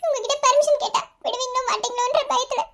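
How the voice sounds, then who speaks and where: Lady voicing a shy nervous cartoon college girl, squeaky high. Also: fairly even intonation, quick pace, noisy background. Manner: hesitant, apologetic. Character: timid young female student in trouble.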